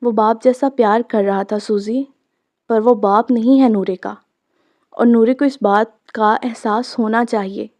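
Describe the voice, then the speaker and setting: A woman doing a stern scolding mother. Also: on the high side. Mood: weary. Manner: sharp, scolding.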